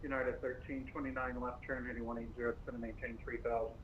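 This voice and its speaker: A man working as an air traffic controller over a tinny radio link, giving clipped instructions with filler pauses. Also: mid-range voice, flat delivery. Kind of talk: radio phraseology.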